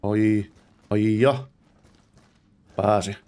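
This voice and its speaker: A man's voice: on the low side, steady tone, a little mellow, slight background noise. A man hosting a let's play, chatting to himself as he plays and dropping English exclamations and curses. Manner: chatty self-talk, mutters while playing. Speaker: gamer host.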